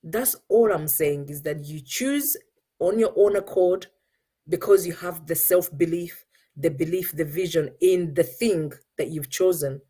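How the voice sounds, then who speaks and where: A middle-aged show host with a Ugandan accent gives an earnest motivational talk, moving between English and Luganda. Her voice is fairly low, warm and husky, and she's unhurried.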